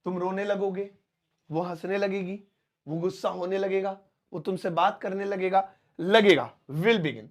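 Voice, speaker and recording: A man teaching spoken English who explains patiently, calls his viewers friends and repeats each example sentence slowly, word by word. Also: sits high.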